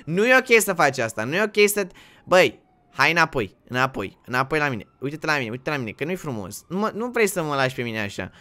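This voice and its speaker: A man playing in a game roleplay, pleading in a panic and shouting the same pleas again and again. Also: fairly high pitch, sing-song. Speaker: roleplay streamer. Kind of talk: casual game roleplay chat.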